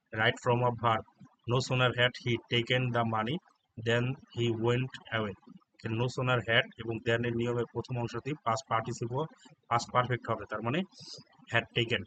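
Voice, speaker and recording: A man with a Bangladeshi Bengali accent, working as an exam prep tutor and reading out exam answers in a monotone, dictating spellings letter by letter. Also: mid-range voice, slight background noise, rough recording.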